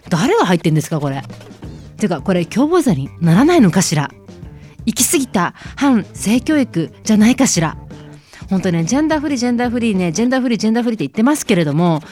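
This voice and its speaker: A woman's voice: medium pitch, darkish tone. A woman hosting a talk radio show, giving casual news commentary in sarcastic, outspoken rants. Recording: faint music underneath.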